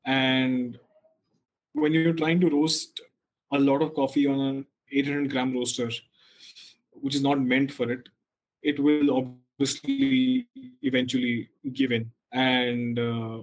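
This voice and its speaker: A man's voice: mid-range voice, level tone, a little slow, pauses often, highs cut off. A man with a North Indian accent talking casually as an interview guest, telling things in a reflective, hesitant way. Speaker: guest, coffee roaster.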